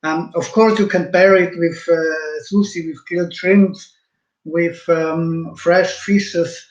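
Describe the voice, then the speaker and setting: A man from Switzerland presenting a wine in an online seminar, speaking calmly with frequent fillers over a video call. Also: fairly high pitch, takes it slowly. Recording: roomy, dull video call audio.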